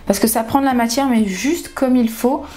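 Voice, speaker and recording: A woman's voice: on the high side, moderate pace, mellow. Woman, beauty vlogger, groggy morning voice, casual makeup tutorial, chatty, candid, trails off and restarts.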